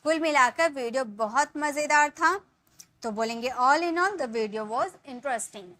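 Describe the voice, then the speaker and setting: Young woman, English teacher; high, bright voice; slow, deliberate dictation. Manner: slow dictation of example sentences, trailing off softly at sentence ends. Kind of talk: spoken English lesson.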